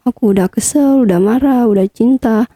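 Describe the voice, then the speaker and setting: A woman's voice: fairly high pitch, normal speed, warm tone, no room sound. A young woman being interviewed, telling a personal story casually, with lots of hesitant fillers. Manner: chatty, hesitant with many fillers. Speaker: interview guest.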